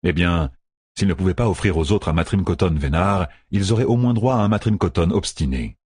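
Very husky deep-voiced male narrator. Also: lively intonation, brisk, a little mellow, no echo. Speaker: audiobook narrator. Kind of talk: scripted narration. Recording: dry close recording.

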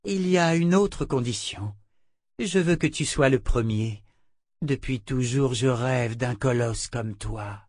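A man's voice: medium pitch, slow, darkish tone, no echo, studio quality. A man reading an audiobook and voicing a young woman captive who coaxes and persuades while hiding her fear. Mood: persuasive.

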